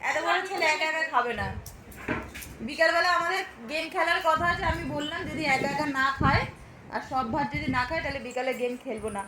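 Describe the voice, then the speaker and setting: A woman's voice: high voice, fairly quick, crowd noise. A woman vlogging casually at home, chatty and coaxing as she talks to pets and children. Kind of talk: casual home vlog chat. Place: home indoors. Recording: echoey room with background noise.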